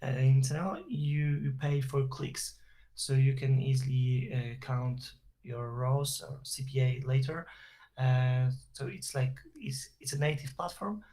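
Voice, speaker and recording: A man's voice: medium pitch, measured pace, mellow. A man with a Polish accent, a guest on an online interview, explaining at length with fillers and restarts over a video call. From Poland. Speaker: interview guest, SEO professional.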